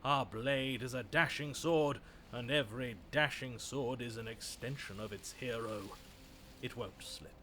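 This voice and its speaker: A man's voice: mid-range voice, measured pace, pushed and bright, slight background noise. An actor playing a gallant, lovesick male romantic in a game, with florid, theatrical, swooning delivery. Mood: proud, gallant. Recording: music behind the voice.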